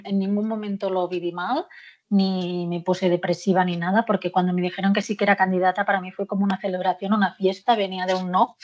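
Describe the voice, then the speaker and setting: Woman guest speaking frankly, muffled sound. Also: fairly low pitch. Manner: warm and frank, laughs often, hesitant fillers. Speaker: guest, author of a memoir. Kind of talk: candid personal interview.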